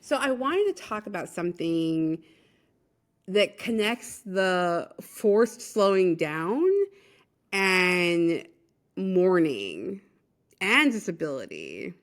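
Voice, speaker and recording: A woman hosting a podcast interview, chatting casually, nodding along with frequent "mm-hmm" and "yeah" and speaking in an animated way. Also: fairly low pitch, takes it slowly. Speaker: podcast host.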